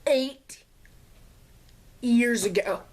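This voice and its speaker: Speaking extremely slowly in a high-leaning, somewhat dark voice, a young woman vlogger delivers an exasperated storytime rant about her classes. She's heavily sarcastic and mimics her classmates in put-on voices.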